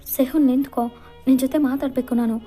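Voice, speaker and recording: A woman's voice: high voice, steady tone, quick pace, mellow, slightly rough, faint music behind, voice pushed up. A woman reading an agitated young girlfriend. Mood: pleading. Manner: pleading, agitated. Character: emotional young woman, hurt by her boyfriend.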